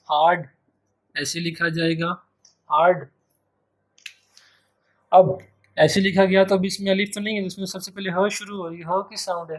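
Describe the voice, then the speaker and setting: A man giving an exam-prep grammar lecture, repeating key phrases and stretching out his example words. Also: high-pitched. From Pakistan. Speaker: English teacher.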